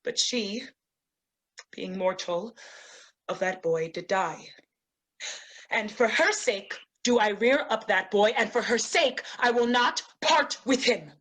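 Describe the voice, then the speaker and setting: A woman's voice: medium pitch, slow, pauses often, a bit bright. A woman playing a proud, defiant fairy queen in a hammy, declamatory Shakespearean stage style. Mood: firm, reminiscing. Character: proud, defiant fairy queen, scornful of her jealous husband.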